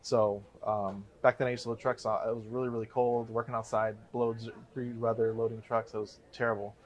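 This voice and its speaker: Speaking a little fast with little pitch movement, a medium-pitched Chicago-area man in his thirties tells his story as a guest. The real estate investor rambles and self-corrects in this casual interview, and the sound is lo-fi.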